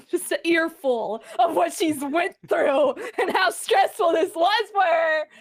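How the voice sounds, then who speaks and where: A woman at a tabletop game with a very high voice, speaking slowly. She retells what happened in an animated way. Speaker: player.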